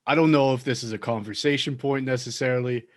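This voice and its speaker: A man talks through his thoughts in a relaxed podcast chat. His pitch sits in the middle and he pads his sentences with ums and likes as he works toward a point. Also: fast talker. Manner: rambling, filler-heavy, thinks aloud. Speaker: podcast co-host. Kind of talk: casual chat.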